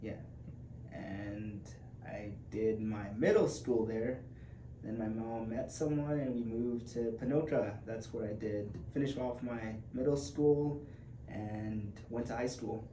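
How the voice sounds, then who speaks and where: With a lowish, warm voice and an unhurried delivery, a twenty-one-year-old Ugandan man chats casually as a podcast guest, hesitating often and filling his talk with fillers and restarts. The room is echoey, with background noise.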